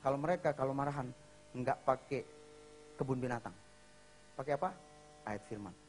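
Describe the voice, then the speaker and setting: Preaching in church, a man with a mid-range voice delivers a storytelling sermon at a moderate pace, telling it casually and slipping into dramatic acted voices. There's slight background noise.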